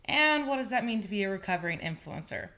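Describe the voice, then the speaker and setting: A woman's voice: mid-range voice, fast. Chatty young woman hosting a podcast. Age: 20s. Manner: chatty, animated storytelling with laughs. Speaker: podcast host. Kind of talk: casual podcast monologue.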